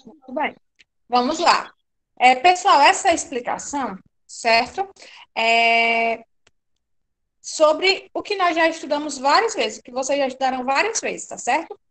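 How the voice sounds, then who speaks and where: Brazilian woman teacher, high voice. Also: lively intonation, a little slow, long pauses, fairly bright tone. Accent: Brazilian Portuguese. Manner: reassuring, repeats "tá certo?". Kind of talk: online class teaching.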